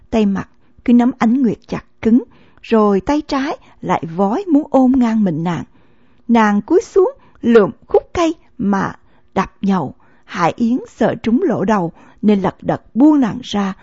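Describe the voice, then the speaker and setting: A woman reading a novel aloud as an audiobook narrator, in measured storytelling narration, in a dull, lo-fi recording. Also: medium pitch, very animated, mellow, husky, no room sound.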